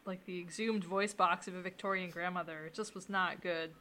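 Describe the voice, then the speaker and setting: A woman with a bright, crisp voice appears as a guest, chatting casually about a film. She complains in a wry, vivid way. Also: on the low side, steady tone, fairly quick, slight background noise. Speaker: special guest. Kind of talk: casual film review chat.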